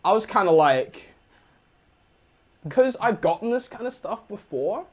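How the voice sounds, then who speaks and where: A young New Zealander co-hosting a casual podcast tells stories in a rambling way, saying "like" constantly. He has a New Zealand accent and a high-pitched, sing-song voice, and he takes his time.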